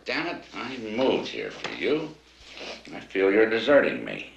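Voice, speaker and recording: A wry, defensive husband in a screen drama. His low voice is forceful and lively in pitch, recorded with clear room echo. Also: measured pace, lo-fi sound, full character voice. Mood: aggrieved. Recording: echoing room, faint noise.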